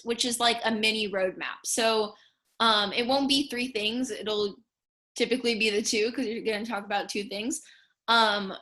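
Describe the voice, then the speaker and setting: A young woman with a slightly high, sharp voice gives an informal slideshow lesson. Likely a speech and debate coach or student instructor, she explains casually and a bit tentatively, hedging with "kinda" and "I guess."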